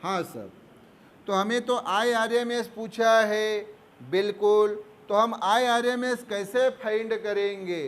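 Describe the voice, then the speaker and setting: A man's voice: high voice, steady tone, takes it slowly, a bit bright. A male physics teacher, explaining a problem at the board. He talks patiently, calls his students fondly and answers his own questions. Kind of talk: board lesson. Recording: faint background noise.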